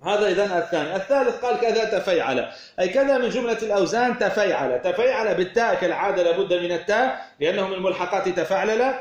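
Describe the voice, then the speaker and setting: A man's voice: high-pitched, lively intonation, fast, reverberant. A man teaching Arabic word patterns from a verse text, repeating key words and asking questions he then answers himself. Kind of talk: explaining a verse text line by line.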